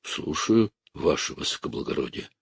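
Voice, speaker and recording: A man's voice: rumbling low, lively intonation, normal speed, creaky, slightly rough, no echo, studio quality, full character voice. A man doing a humble, sheepish soldier servant. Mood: deferential. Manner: deferential, slightly sheepish.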